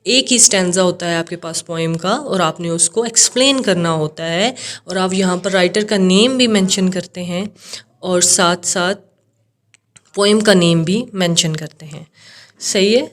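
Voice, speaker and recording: A young woman English teacher with a Pakistani accent, walking students through an exam paper and checking in often to be sure they follow. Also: fairly low pitch. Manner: mixes English terms into Urdu, frequent "theek hai" check-ins.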